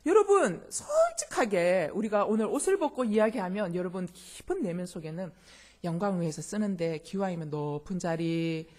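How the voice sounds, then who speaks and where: Animated woman preaching a sermon. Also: lowish voice, normal speed. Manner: emphatic, keeps asking the congregation questions; addresses listeners directly and often. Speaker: pastor.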